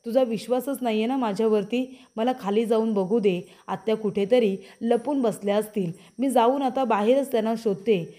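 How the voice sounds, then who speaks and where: A frightened young wife from a TV serial pleads and insists that she is telling the truth, voiced by a woman narrator. The voice is slightly high and mellow, and it is full of anxious urgency. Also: moderate pace, hardly any pauses, close to an everyday voice. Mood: insistent.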